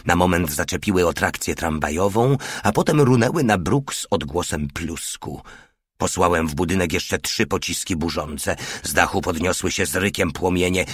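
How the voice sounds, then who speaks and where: A man reading an audiobook as narrator, with steady, grave scripted narration. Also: low-pitched, husky, no echo.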